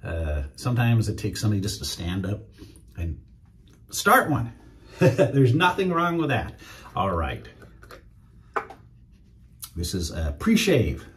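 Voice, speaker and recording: Chatty middle-aged man mid-shave. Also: medium pitch. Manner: relaxed, chatty, talks to viewers while shaving. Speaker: wet shaving YouTuber. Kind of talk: casual shaving demo chat. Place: home shave room, indoors.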